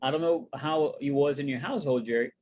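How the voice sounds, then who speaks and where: A man from Brazil talking casually as co-host of a webinar, animated and full of fillers, asking rhetorical questions. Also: medium pitch, a little fast, dull audio. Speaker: co-host, wealth coach.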